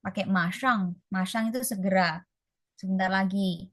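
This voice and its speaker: A young woman tutoring an online Mandarin class, explaining quickly and saying phrases slowly. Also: medium pitch, fairly even intonation, dry recording.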